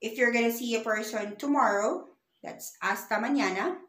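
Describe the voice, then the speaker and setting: A woman's voice: on the high side, moderate pace, a bit bright. A woman teaching a beginner language lesson, patiently spelling out letters and sounds one at a time. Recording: echoey room.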